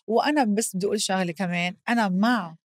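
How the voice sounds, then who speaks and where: A woman's voice: mid-range voice, quick pace, no echo, clean studio sound. A woman with a Lebanese accent hosting a podcast, talking in a heartfelt, emphatic way and mixing in English phrases. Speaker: podcast host. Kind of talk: casual podcast chat.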